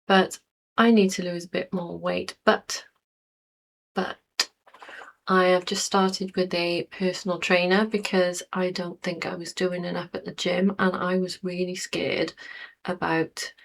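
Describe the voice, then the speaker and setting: A woman talks to her viewers in an easygoing, rambling vlog. Her voice sits a little low, and she takes her time, drifting through ums and asides at a slow, unhurried pace. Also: level tone, gravelly, a little hiss or hum. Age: 40s. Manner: rambling, chatty, with frequent fillers and laughs. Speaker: YouTuber. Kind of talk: casual vlog chat.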